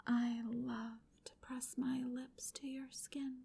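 A woman's voice: sits high, little pitch movement, takes it slowly, gravelly, mellow, breathy edge. A woman in a whispered ASMR roleplay, speaking in an intimate, commanding whisper.

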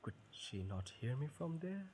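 A man playing a shy, flustered young man smitten with a friend in a romantic audio role-play, stammering, halting and apologetic. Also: medium pitch, sing-song, a little mellow, a little hiss or hum, natural voice. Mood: anxious, self-scolding.

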